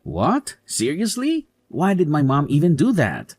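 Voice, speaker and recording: A dismissive young husband, voiced by a man, mocks and brushes off his wife in an animated story. His pitch swings wildly, and the recording is dry and close. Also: a little slow, husky, no echo, exaggerated voice. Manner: mocking, dismissive.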